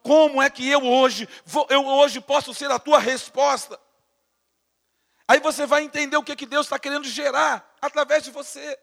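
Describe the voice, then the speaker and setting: A man with a Brazilian Portuguese accent preaching a sermon with fervor, swinging from loud to hushed and stammering as he builds his points. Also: extremely high pitch, steady tone, normal speed, creaky, in a large hall. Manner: stammers and repeats words while building to a point. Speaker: pastor.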